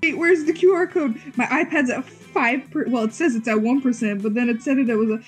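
A woman's voice: fairly high pitch, brisk, breathy edge, faint music behind. A woman chatting casually while playing a game with friends. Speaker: player in a group game session. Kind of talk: casual chat.

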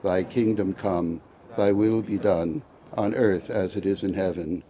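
Low, dark-voiced man leading graveside prayers. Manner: measured liturgical recitation. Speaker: priest.

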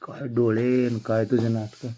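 A man's voice: mid-range voice, flat delivery, measured pace, dark tone, slight background noise. A man coaxing and scolding his pet cat in a casual, pleading baby-talk way.

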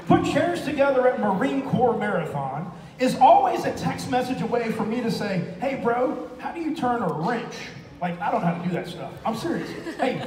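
An excitable man presenting and chatting as a host, often firing off short questions. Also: very high-pitched. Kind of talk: animated on-camera chat and presenting. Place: large hall and busy corridor indoors. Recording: echoey hall with crowd noise.

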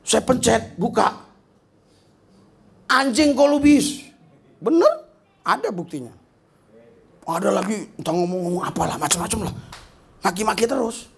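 Animated preaching man, big swings in loudness. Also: moderate pace, creaky, long pauses, breathy edge. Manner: animated preaching, swings between loud bursts and low asides, laughs often. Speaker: pastor. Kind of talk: lively sermon. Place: small church.

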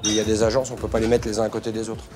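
A man in his forties, a restaurant manager, talking briskly while at work in a busy restaurant. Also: fairly low pitch, completely flat delivery, over music. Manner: brisk, switches to simple English with guests. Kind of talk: on-the-job interview.

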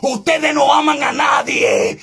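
Shouting preacher man, high gravelly voice. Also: level tone, slow pace, soft background music. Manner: shouting, insistent and confrontational, bursts into tongues. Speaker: evangelist preacher. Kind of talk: fiery shouted sermon.

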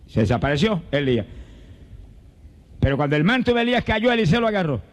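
High-voiced fervent Pentecostal preacher man. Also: quick pace. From Puerto Rico. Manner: fervent, swings from calm teaching to shouted praise. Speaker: evangelist preacher. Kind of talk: Pentecostal sermon. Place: church service before a congregation.

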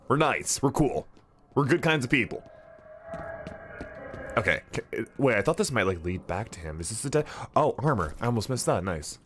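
A man streaming a video game, commenting casually in a joking, swearing, animated way. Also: on the low side, a little hiss or hum.

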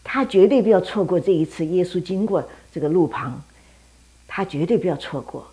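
A woman teaching Sunday school, telling a Bible story in a lively way and talking directly to the children. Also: lowish voice, normal speed.

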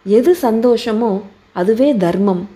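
Gentle young husband in a storybook reading, calm and reassuring, slow and mellow in delivery, as a woman reader plays him. He talks things through patiently. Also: sits high.

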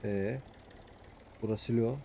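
A man with a Samsun accent, an adult with young kids, giving hushed, muttering commentary over a farming game, as his channel's host. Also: on the low side, steady tone, slow, vocal fry, noisy background. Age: adult with young children. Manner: talks quietly, mutters to himself. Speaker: gaming YouTuber.

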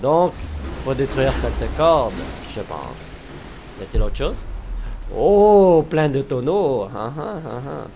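A man's voice: mid-range voice, sing-song, takes it slowly, mellow, a little hiss or hum. A man with a Québécois French accent giving let's-play commentary, exclaiming, joking and humming to himself as he plays. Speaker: gamer commentator.

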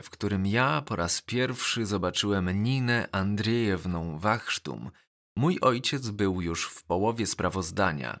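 A man reading a novel aloud as an audiobook, in measured, deliberate first-person narration. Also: on the low side, a bit bright.

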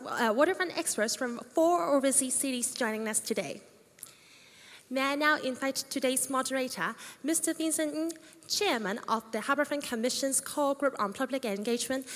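A young woman hosting a formal event as master of ceremonies, speaking into a handheld mic in a large hall. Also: high-pitched. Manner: bright, polished announcing. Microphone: handheld microphone. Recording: long hall reverb.

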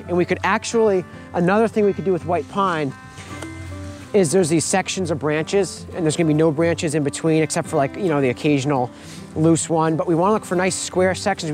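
A man's voice: a little high, rough recording. A young man leading a foraging class, talking casually and laughing often. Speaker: foraging instructor. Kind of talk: outdoor teaching walk. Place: forest outdoors, then wooden lodge hall.

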